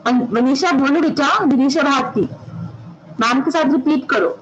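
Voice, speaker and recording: A woman's voice: high voice, measured pace, muffled recording, a little hiss or hum. A woman kindergarten teacher giving an online class, drawing out each syllable patiently for small children.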